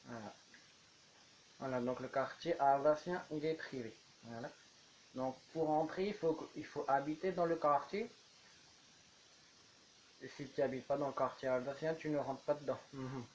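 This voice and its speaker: Man YouTuber, mid-pitched, rambling game commentary, lo-fi home mic with a faint hum. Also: moderate pace, pauses often. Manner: rambling, talking while building in a game. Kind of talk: casual gameplay commentary.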